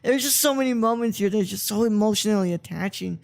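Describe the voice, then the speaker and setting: A man's voice: sits high, quick pace, creaky. A man hosting a casual film discussion podcast, rambling and searching for words as he talks. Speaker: podcast host.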